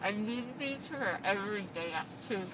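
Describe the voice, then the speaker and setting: A woman's voice: mid-range voice, animated, normal speed. A young woman chatting giddily and loopily, her speech slurred by a numb mouth stuffed with gauze after dental surgery. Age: young adult. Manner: loopy, giddy rambling. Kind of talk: casual chat. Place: inside a car. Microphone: handheld phone in the car, a little away. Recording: distant car recording with road noise.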